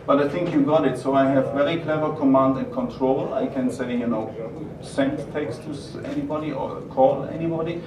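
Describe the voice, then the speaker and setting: A man with a strong German accent, a native German speaker, presenting a product and answering questions in a halting way, repeating himself. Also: mid-range voice. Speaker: company presenter taking audience questions. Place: roomy event venue. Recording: echoey, noisy room from far off.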